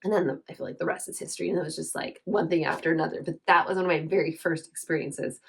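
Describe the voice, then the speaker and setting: Chatty mom sharing oil tips, lowish voice. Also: female voice, fairly even intonation, fast, vocal fry, breathy edge. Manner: chatty, earnest, hunts for words with filler. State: briefly teary. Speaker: essential oils seller. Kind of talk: casual how-to chat.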